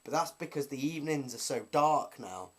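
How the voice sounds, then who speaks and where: Man, lively casual vlogger. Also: mid-range voice, moderate pace. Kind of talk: casual chat to viewers.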